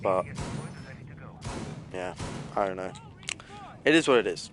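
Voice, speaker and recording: A man's voice: low voice, lively intonation, slow, background noise. A man giving casual, analytical live commentary on a competitive shooter match. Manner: casual, analytical, filler-heavy. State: has the hiccups. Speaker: esports caster.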